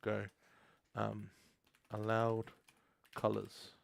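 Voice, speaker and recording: Drawing out his words in a low, creaky and completely flat voice, a chatty new guy from New Zealand codes live on a casual stream. As host, he laughs often and reads chat messages aloud.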